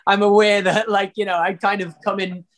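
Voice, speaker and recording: A Welsh singer with a notably high-pitched voice chats in an interview. He rambles, restarts sentences and leans on fillers throughout. His talk stays loose and informal. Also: flat delivery, brisk, a bit bright. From Wales. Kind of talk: casual interview chat.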